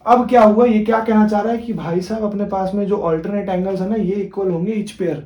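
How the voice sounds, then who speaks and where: A man's voice: sits high, fairly even intonation, moderate pace, dark tone. A young man from India teaching math in a casual, chatty way, often checking in with his students. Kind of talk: casual classroom lecture. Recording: echoey room.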